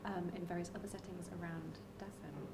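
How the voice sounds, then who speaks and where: A woman's voice: fairly low pitch, steady tone, moderate pace, roomy sound, very noisy. A woman, an early years music educator, talking chattily and enthusiastically at a workshop. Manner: chatty, enthusiastic, self-deprecating asides. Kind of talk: workshop presentation. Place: workshop room.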